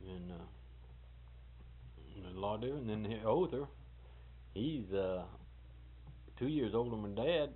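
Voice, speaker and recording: A man in his 40s with a fairly low, expressive voice tells family history in a casual oral history interview, speaking a little slowly with long pauses. He rambles in a folksy way and keeps correcting himself. It's captured on tinny old tape with audible hiss.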